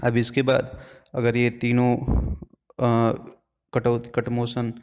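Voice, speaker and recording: A man gives an exam-prep lesson. He moves step by step, often putting a question to the class and then answering it himself. His voice sits at an ordinary middle pitch. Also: completely flat delivery, slow pace, a little mellow, clear, resonant tone. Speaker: teacher.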